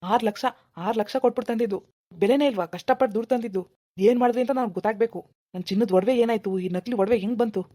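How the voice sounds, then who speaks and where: Woman doing a mad cartoon village husband, fast and kinda dark, yelling accusations. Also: a little high, natural voice. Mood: angry accusing. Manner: shouting, accusing, threatening. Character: furious village husband, middle-aged man. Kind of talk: cartoon voice acting.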